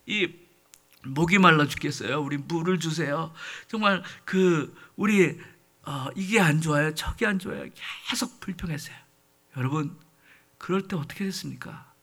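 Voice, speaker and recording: A man's voice: high-pitched, sharp tone. A man preaching a sermon as pastor, earnest and addressing the congregation directly.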